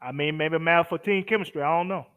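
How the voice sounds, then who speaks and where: Bright, easygoing man co-hosting. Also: a little high, fast talker, clean tone. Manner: easygoing, hesitant, lots of fillers. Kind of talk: casual live-stream chat.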